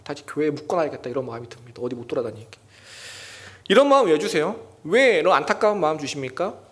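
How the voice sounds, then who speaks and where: Preaching as junior pastor at a prayer meeting, this young man has a fairly high pitch. He gives quoted lines a loud, raised, acted-out delivery.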